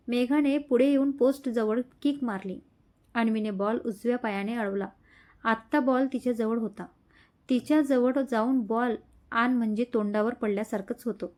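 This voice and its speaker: Brief: woman narrator for an audio love story, steady reading, warm and slightly high voice.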